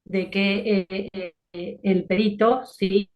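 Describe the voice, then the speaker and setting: A woman speaks slowly and haltingly, filling gaps with hesitations as she asks her question. Her voice comes through a crackling online call that keeps breaking up. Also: mid-range voice, fairly even intonation, lo-fi sound. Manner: hesitant, halting, many fillers. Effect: crackling, breaking-up online call audio. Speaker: student asking a question.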